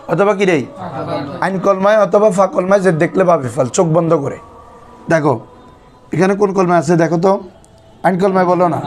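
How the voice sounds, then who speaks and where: A man teaches a grammar class. He drills his students, repeating key terms and asking them back for answers. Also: high voice. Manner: quizzes students with repeated questions. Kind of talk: classroom lesson.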